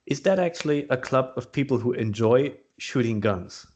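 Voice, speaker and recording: A man's voice: medium pitch, lively intonation, normal speed, darkish tone. A man hosting a podcast interview, curious and asking questions. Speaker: podcast host.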